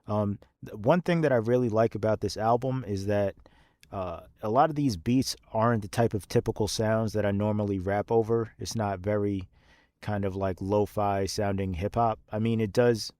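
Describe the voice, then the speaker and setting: A man's voice: on the low side, normal speed, a little mellow, no room sound, studio quality. A man in his thirties, a rapper, talks about his album in a rambling, casual monologue full of fillers and restarts.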